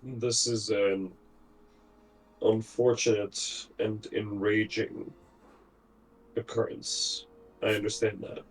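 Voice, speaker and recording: Man voicing a hoarse, weary character; slow, grave delivery, low voice, distant mic. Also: flat delivery. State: hoarse from being sick.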